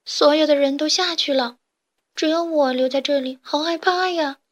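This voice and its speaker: Woman doing a high, eager little alien boy chick, storybook, proud and chatty. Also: expressive, moderate pace, fairly bright tone. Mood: tearful. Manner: chirpy, eager and a bit proud. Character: cheerful young male alien chick student. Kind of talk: storybook character voice.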